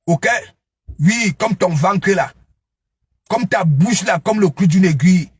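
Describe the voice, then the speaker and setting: Man, high-pitched, husky, taunting rant, keeps asking hein, dry close sound. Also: slow, no echo. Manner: scolding and mocking. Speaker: online gossip commentator. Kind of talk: ranting live commentary.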